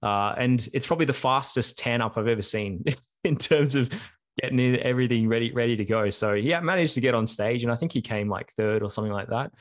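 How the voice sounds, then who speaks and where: A man's voice: medium pitch, brisk. A young man, co-hosting a podcast and telling a long, rambling story full of fillers. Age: young adult. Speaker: podcast co-host. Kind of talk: casual podcast chat.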